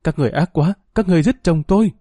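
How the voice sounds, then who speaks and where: A man's voice: a little high, racing, dark tone, no room sound, faint music behind, voice pushed up, natural voice. A man voicing a grieving young peasant mother in a spoken story, crying out in desperation. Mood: anguished. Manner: wailing, desperate cries.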